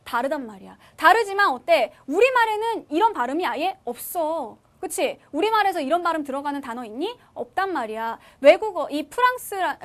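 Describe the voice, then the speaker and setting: A woman teacher lecturing high school students, often asking questions and answering them herself. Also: a little fast, few pauses. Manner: lively, asks and answers own questions.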